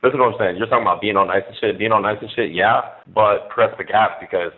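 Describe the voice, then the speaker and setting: A man on a phone call from jail, excitedly praising and swearing in casual talk. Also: on the low side, quick pace. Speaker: caller from jail. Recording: tinny phone line.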